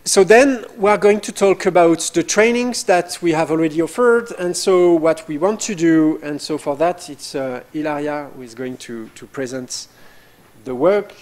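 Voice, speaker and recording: A man with as his presenting a doctoral program at an information session, halting with frequent fillers. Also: fairly high pitch, darkish tone. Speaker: program director.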